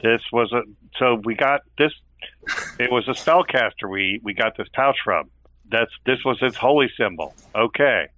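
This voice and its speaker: A man's voice: medium pitch, expressive, moderate pace, bright, forceful tone, no room sound, rough recording. A man playing a tabletop role-playing game, explaining his reasoning and narrating what his character does. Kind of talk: in-game discussion, narrating own character's actions.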